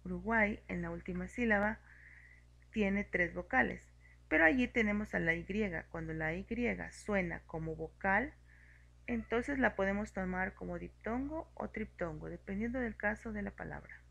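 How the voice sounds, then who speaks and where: A woman teaching a grammar lesson, explaining each example slowly and clearly. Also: medium pitch, fairly bright tone, dull audio. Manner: slow, clear and methodical, spelling out examples.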